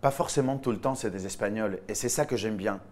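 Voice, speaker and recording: A Spanish man in his thirties speaking French with a Spanish accent, answering interview questions as a guest actor, animated and restarting phrases. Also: fairly low pitch, fairly quick. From Spain.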